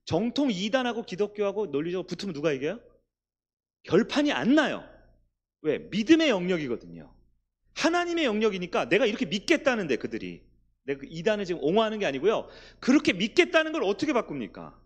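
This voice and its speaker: A man's voice: sits high, wildly swooping pitch, fast. A male pastor preaching a sermon in church, asking the congregation questions and answering them himself.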